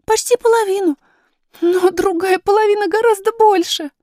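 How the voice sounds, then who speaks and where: A woman voicing a young princess girl who speaks in a high, insistent, eager way. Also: steady tone, normal speed, dry recording, studio quality. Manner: bright, insistent, high-pitched.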